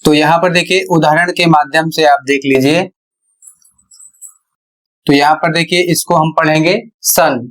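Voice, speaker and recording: A man teaching English pronunciation in a slow explanatory lesson, deliberate and repeating his phrases while drawing out key sounds. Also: a little high, steady tone, fairly bright tone, poor audio.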